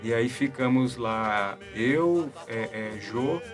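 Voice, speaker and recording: A man's voice: mid-range voice, animated, slow, over music. A middle-aged man telling a long story in casual chat, full of fillers and repeated words. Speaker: debate show guest.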